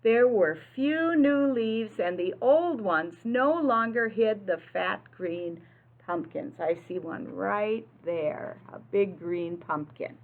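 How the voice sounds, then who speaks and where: Here a woman reads from a picture book like a preschool teacher, slow and expressive, her voice medium in pitch and the sound phone-like. She keeps her language simple and instructive, pausing to ask the young audience questions.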